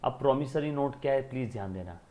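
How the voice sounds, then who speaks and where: Commerce teacher guy lecturing, keeps asking clear? and answering himself. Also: medium pitch, expressive, fast, mellow. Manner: repeats questions and answers them himself, calls students beta. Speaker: accounting teacher. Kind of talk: classroom lecture.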